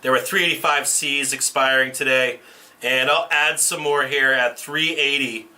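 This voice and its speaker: A man talking bluntly on a livestream, his voice thin and tinny as if from inside a tin can. The camera mic sits a little away from him, giving a sharp, distant edge. He swears freely and keeps restarting his sentences. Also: mid-range voice, steady tone, normal speed. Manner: profane, blunt, restarts often. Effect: tinny tin-can sound from a camera mic. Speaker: livestream trading host. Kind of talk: casual livestream chat.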